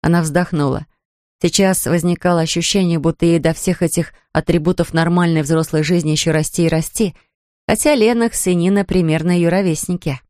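A woman narrating an audiobook in a measured, even manner. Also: fairly low pitch, no echo, clean studio sound. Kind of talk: scripted narration.

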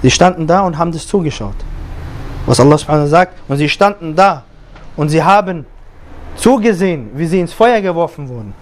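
A male preacher giving a Friday sermon, telling a story with lively acted-out dialogue and quick recited Arabic verses. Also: sits high.

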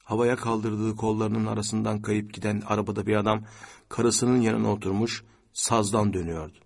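A man narrating a literary audiobook in a measured, steady way, with a husky voice. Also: lowish voice.

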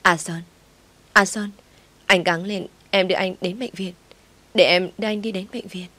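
A heartbroken young woman pleads through sobs, then turns sharp and defiant, as a woman narrator plays her. Her voice is her own, in an audio story. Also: medium pitch, fairly even intonation, moderate pace. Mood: pleading. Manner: pleading, sobbing voice.

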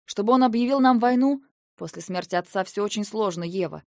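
A stern, weary young prince, read by a woman narrator who speaks in a firm, reasoning way. The voice sits at a middle pitch and is recorded close and dry. The storybook delivery is earnest and controlled. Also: brisk, no echo, natural voice. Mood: persuading. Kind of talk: audiobook character reading.

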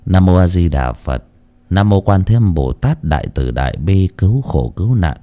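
A calm old monk speaks slowly in a deep, dark voice, as a male storyteller puts him on. He sounds measured and solemn. Told as a spoken ghost story. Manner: slow, measured, solemn chanting tone.

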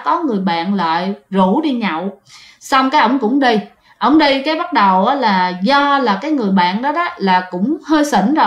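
A woman telling a ghost story in a chatty way, talking straight to her listeners. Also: a little high. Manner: chatty, addresses listeners directly. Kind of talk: casual ghost story narration. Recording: roomy echo.

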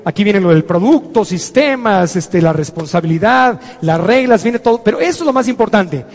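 A man giving an energetic motivational business seminar, coaxing the audience and acting out scenes. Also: sits high, moderate pace. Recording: echoey hall reverb.

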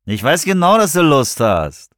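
A man voicing a smug, pushy young man who speaks in a slow, sneering drawl. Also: on the high side, big pitch swings, no echo, clean studio sound, pitched above the performer's own voice. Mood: leering.

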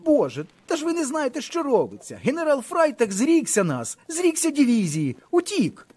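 A man voicing a panicked young male officer who shouts hysterically in a shrill voice. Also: huge pitch swings, normal speed, exaggerated voice.

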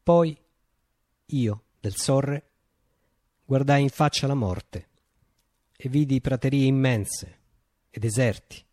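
A man playing an idealistic, solemn revolutionary leader in a theatrical radio monologue, declaiming with deliberate dramatic pauses. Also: mid-range voice, dark tone, dry recording, clean studio sound, lightly acted. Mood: visionary, solemn. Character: Del Sorre, idealistic outgoing revolutionary leader, solemn visionary storyteller. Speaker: actor performing a radio play.

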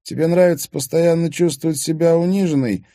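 A man's voice: fairly high pitch, fairly quick, mellow, dry recording, studio quality, pitched above the performer's own voice, natural voice. A man reading an audiobook, voicing an arrogant, charming young man who talks in a smug, teasing way. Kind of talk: audiobook character voice.

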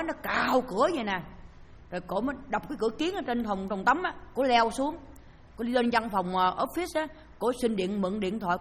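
A woman, a Buddhist dharma teacher giving a storytelling sermon and acting out voices and sounds as she tells it. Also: a little high. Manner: lively storyteller who acts out voices and sounds. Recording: long hall reverb.

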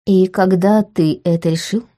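Brief: woman reading a prickly, jealous young heroine, mellow voice, audiobook. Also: fairly low pitch, fairly even intonation, moderate pace, natural voice. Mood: bewildered. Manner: indignant, defensive. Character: young orphan girl, a proud, jealous student. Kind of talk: audiobook character voice.

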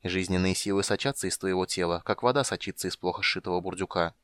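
A man's voice: low voice, fast talker, fairly bright tone. A man voicing a grim, grey-haired old priest in an audiobook, with a grating, somber delivery. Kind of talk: audiobook character voice.

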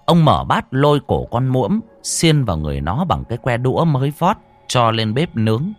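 A man's voice: mid-range voice, normal speed, soft background music. A man narrating a horror story, acting out every character. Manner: animated, voices all characters.

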